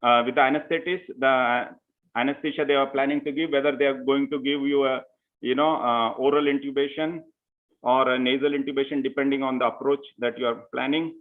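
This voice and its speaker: A man with a medium-pitched, fairly even voice gives a brisk medical lecture at a conference. As a surgeon, he explains things in careful sequence, often saying "you know." It's captured over a remote call line with tinny, telephone-quality audio.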